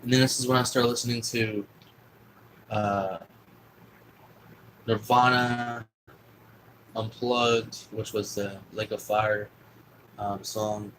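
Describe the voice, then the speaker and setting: A man's voice: on the low side, little pitch movement, slow, pauses often, fairly bright tone, a little hiss or hum, low-quality recording. A young man telling a long personal story in a rambling, profane, casual way. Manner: rambling, profane, full of fillers and restarts.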